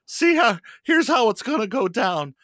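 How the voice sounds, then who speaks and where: A man's voice: very high-pitched, very animated, a little slow, fairly bright tone, dry recording, clean studio sound, exaggerated voice. A man voicing a jittery, cereal-obsessed robot rabbit who pleads and wheedles. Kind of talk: cartoon voice acting.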